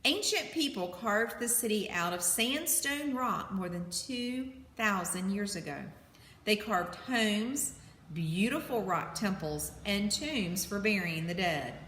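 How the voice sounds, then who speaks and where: Here the same kind of reading comes in a medium-pitched, expressive, slightly bright voice at a slow pace: a woman teacher sharing a children's nonfiction book with students, instructional in tone with short asides. The heater runs in the indoor room, and the sound is reverberant and echoey, with a hum underneath.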